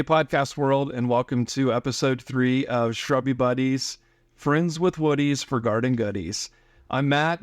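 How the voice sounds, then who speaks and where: A man's voice: mid-range voice, clear, resonant tone, dry recording. A man co-hosting a gardening podcast in casual chat, joking and easygoing, close on a studio mic. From Central Ohio. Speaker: podcast co-host.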